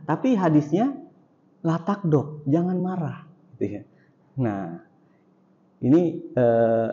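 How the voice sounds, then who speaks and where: A man's voice: medium pitch, warm tone. A man giving an Islamic study lecture in a mosque, repeating each point for emphasis. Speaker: Islamic teacher. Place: mosque hall. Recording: echoey hall, dull lo-fi sound.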